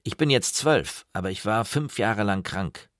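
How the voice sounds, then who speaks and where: A man's voice: on the low side, animated, a little slow, a bit bright, no room sound, studio quality. A man voicing a skinny, cheerful twelve-year-old boy who asks eager childlike questions in an audiobook.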